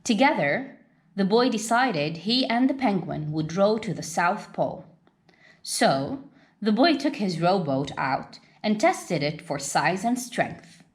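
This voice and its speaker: Slowly and at a medium pitch, a female storyteller reads from a children's picture book. She gives the text an expressive, dramatic treatment.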